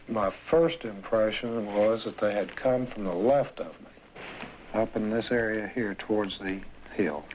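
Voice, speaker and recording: A man recounting what he witnessed in a plain, halting, folksy way, on a 1960s vinyl record. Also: on the low side. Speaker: eyewitness. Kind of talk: recounting an event in interview. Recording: dull, noisy vintage 1960s vinyl record.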